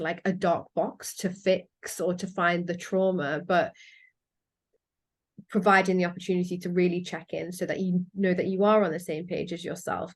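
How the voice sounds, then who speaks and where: A woman, a psychologist, appears as a podcast guest and explains ideas in a thoughtful, conversational way. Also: on the low side. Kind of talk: casual conversation.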